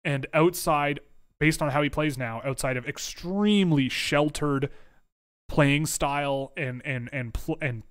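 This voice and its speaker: A man answering viewer questions about hockey prospects in a casual livestream, rambling with lots of fillers and restarts, his voice wearing out. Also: mid-range voice. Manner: rambling, self-interrupting, filler-heavy. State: losing his voice.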